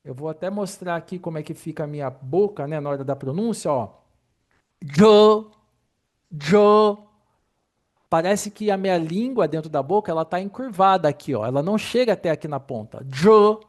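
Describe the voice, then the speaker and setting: A man's voice: fairly high pitch, animated, fast, darkish tone. A man teaching Mandarin pronunciation in an online lesson, patiently explaining and repeating each sound.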